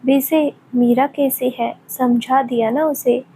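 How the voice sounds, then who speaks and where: A woman's voice: high voice, steady tone, slow, dark tone, a little hiss or hum, rough recording. A woman doing a friendly young doctor friend. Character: young male doctor, a friendly, brisk colleague.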